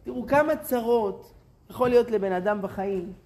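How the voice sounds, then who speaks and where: A man's voice: high voice, a little mellow. A man giving a storytelling talk to young people, speaking animatedly and addressing them directly. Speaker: speaker to youth. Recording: roomy with faint noise.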